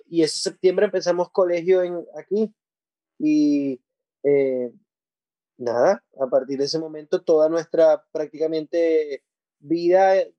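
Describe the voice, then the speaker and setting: A man from Venezuela, a musician guest, relaxed and quick as he recounts his story. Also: a little high, no room sound. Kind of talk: casual interview answers.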